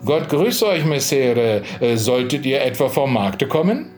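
A man voicing sly male highway rogues who talk in a mocking, wheedling way. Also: sing-song, unhurried, a little mellow, faint music behind.

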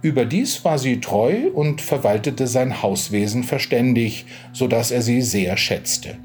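Ein Mann liest ruhig ein Märchen vor. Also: male voice, medium pitch, lively intonation, unhurried, darkish tone, soft background music. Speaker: narrator. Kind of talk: storybook reading.

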